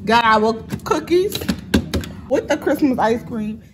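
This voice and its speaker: Hoarse, high, lively-voiced woman vlogging. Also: slow, background noise. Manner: chatty, slangy, talks straight to her audience. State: hoarse from illness. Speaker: vlogger host. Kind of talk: casual vlog chat to viewers. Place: home kitchen, indoors.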